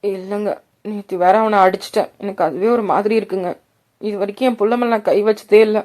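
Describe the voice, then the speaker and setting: A woman voicing a worried middle-aged mother who speaks softly and hesitantly to her husband. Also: medium pitch, fairly even intonation, a little fast, natural voice. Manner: soft, hesitant.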